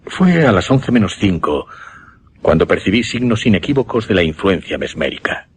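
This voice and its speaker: A deep male voice with a sing-song lilt tells of a macabre experiment, cast as a solemn hypnotist in Spanish radio drama. The Castilian-accented delivery uses measured, dramatic pauses, there's a little hiss or hum, and the tone is grave and suspenseful.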